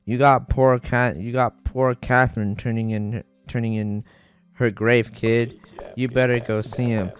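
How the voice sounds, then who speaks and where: A man voicing a gruff, chatty older man who speaks bluntly. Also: medium pitch, flat delivery, a little slow, dry recording, lightly acted. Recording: faint game music behind.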